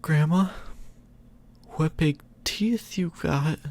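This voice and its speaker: A man's voice: on the high side, extremely slow, a little mellow, no room sound, voice pushed up. A man voicing an innocent, polite little girl in a bedtime story, with a naive, exclaiming delivery. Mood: wondering.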